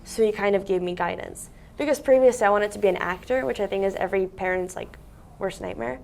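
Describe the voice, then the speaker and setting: A woman's voice: medium pitch, fast talker, vocal fry, a little mellow. A young woman from Russia talks casually as an interview guest. Her speech is chatty and loose, full of "like" and "um." She sits at a table in an office meeting room. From Siberia, Russia. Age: young adult. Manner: chatty, lots of "like" fillers. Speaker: guest, content creator.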